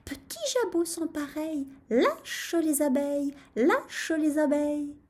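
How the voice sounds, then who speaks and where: A woman voicing a cheeky, stubborn little rooster in a storybook reading, chanting in a shrill, drawn-out way. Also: lively intonation, a little mellow.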